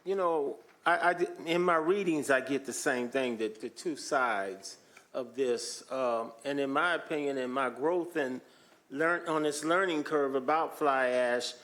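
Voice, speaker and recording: A man, a city alderman, asking questions at a council meeting, halting and repeating words while he thinks. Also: mid-range voice, fairly bright tone.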